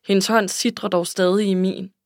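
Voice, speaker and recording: A woman's voice: medium pitch, little pitch movement, no room sound, clean studio sound. A woman reading a first-person novel aloud in an emotional, intimate way. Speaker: audiobook narrator. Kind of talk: scripted first-person narration.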